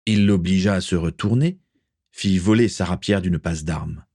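Deep, husky male narrator. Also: normal speed, warm tone, no room sound, clean studio sound. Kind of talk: audiobook reading.

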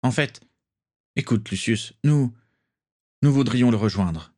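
A man voicing an eager, excitable young aristocratic wizard who speaks earnestly. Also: medium pitch, slow pace, voice pushed up. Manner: animated, earnest.

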